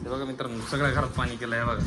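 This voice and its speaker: A man's voice: mid-range voice, level tone, racing, noisy background. A man filming a family vlog at home, talking to viewers and half-laughingly scolding his children. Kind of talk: casual family vlog narration. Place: at home, indoors.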